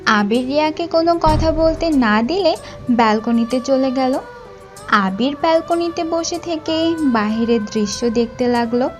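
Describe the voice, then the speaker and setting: A woman's voice: high voice, lively intonation, unhurried. A woman narrator reading a scripted romantic story with music behind her.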